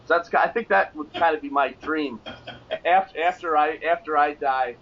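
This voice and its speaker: A man's voice: a little high, normal speed, muffled recording. A man, a professional gambler and podcast guest, telling stories casually with many fillers. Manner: rambling, with many fillers and laughs. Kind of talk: casual storytelling.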